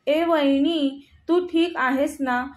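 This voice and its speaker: Woman doing an eager concerned young girl, high voice, audio story. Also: fairly even intonation, slow pace. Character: young sister-in-law, concerned and chatty.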